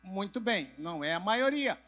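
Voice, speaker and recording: High-voiced man preaching to an audience. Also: big pitch swings, normal speed, pushed and bright. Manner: asks the audience questions and answers them himself; has listeners raise hands and turn to neighbors. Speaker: pastor. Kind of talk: sermon to church leaders. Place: church convention hall with a live audience.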